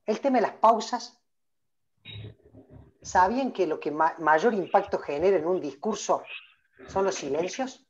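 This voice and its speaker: Orador rioplatense de unos cuarenta, tono de taller interactivo, pregunta y nombra al público; audio apagado de videollamada. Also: male voice, high-pitched, unhurried, pauses often, dull audio. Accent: Rioplatense Spanish. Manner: engaging, calls on listeners by name, many questions. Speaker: public speaking trainer. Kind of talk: interactive online workshop talk. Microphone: video call.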